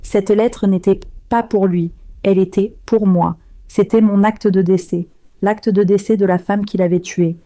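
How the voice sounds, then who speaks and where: Grave, mellow-voiced woman narrator. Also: mid-range voice, steady tone, measured pace, no echo. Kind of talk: first-person scripted story narration.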